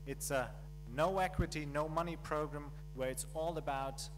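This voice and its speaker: A man delivers a conference keynote in a slightly raised voice. He speaks in measured phrases and pauses on filler sounds. A steady mains hum runs clearly under the recording. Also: fairly high pitch. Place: conference hall.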